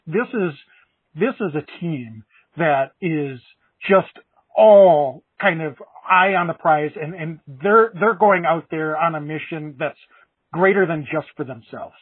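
An earnest man on a podcast who keeps stumbling over his words and restarting as he talks. His voice is a bit high and husky. He sounds off-mic, through a tinny phone line. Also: no echo, recorded from a distance. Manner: earnest, emotional, halting with many restarts. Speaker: podcast co-host. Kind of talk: sports podcast chat.

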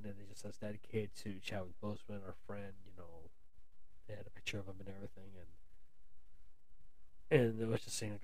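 A man's voice: lowish voice, no room sound. An American man giving a casual, rambling film review, with lots of restarts and fillers. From United States. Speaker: movie reviewer.

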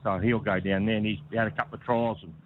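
A man's voice: fairly low pitch, level tone, fast talker, a little hiss or hum. Rambling Australian man on a tinny phone line. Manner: rambling, laconic, colloquial, repeats himself. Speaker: harness racing horse trainer being interviewed. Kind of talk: casual interview chat.

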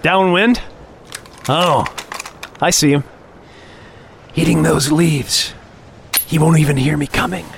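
A man's voice: fairly high pitch, slow, creaky, pauses often, a little hiss or hum. A man playing a younger office underling on a hunt, talking on with mock cheer, taunts and menace in a dramatic audio story. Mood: quietly menacing. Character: younger male office underling, falsely chummy, needling, menacing hunting companion. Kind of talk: dramatic audio fiction acting.

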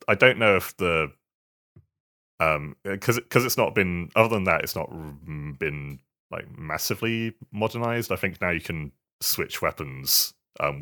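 A podcast co-host talks casually about video games, frequently stammering and repeating words along the way. His voice is a rumbling low with a sharp tone.

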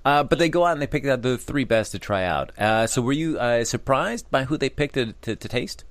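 A man's voice: medium pitch, animated, a little fast, dry recording. A man co-hosting a casual talk show about a cooking competition, rambling and self-deprecating. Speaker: co-host. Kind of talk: casual chat.

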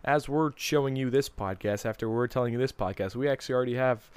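A man's voice: medium pitch, fast, clean tone, no room sound. A man co-hosting a casual podcast, enthusiastic and full of "like" fillers, talking in a studio. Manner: enthusiastic, filler-heavy with lots of "like". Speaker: podcast co-host.

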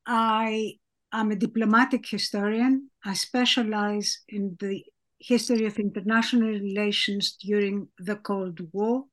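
Woman historian, very slow, measured delivery. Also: mid-range voice, fairly even intonation. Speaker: diplomatic historian guest. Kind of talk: personal interview answer.

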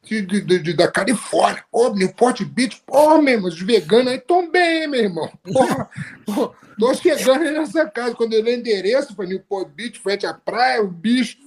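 Brief: man, high voice, slangy swearing raconteur, light background hiss. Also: expressive, fairly quick, hardly any pauses, a little mellow. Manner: slangy, swearing, laughing storyteller. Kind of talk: casual chat.

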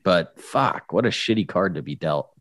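A man's voice: low voice, lively intonation, normal speed, fairly bright tone, no echo, clean studio sound. A man co-hosting a finance podcast, speaking candidly with frequent profanity. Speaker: podcast co-host. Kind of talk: casual finance podcast chat.

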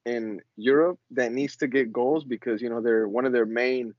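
A man's voice: medium pitch, steady tone, normal speed, dry recording. A man hosting a casual sports podcast with slangy frat-bro talk full of "yo", "bro" and "fam". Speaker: podcast host. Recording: slightly dull, close dry lo-fi sound.

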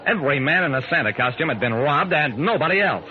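A man's voice: on the high side, expressive, quick pace, muffled recording, close to an everyday voice. A man acting as an earnest, kindly amateur sleuth who narrates his own story in an old radio drama. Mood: measured, intrigued. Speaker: narrator and lead actor. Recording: noisy, band-limited old radio broadcast.

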